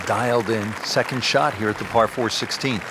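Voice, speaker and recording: A man's voice: fairly low pitch, steady tone, moderate pace, close to an everyday voice. Man acting as a golf commentator over crowd noise. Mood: measured, admiring. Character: male TV golf commentator calling a tournament. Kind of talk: golf commentary, scripted game broadcast. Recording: loud crowd and outdoor ambience behind. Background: golf crowd ambience.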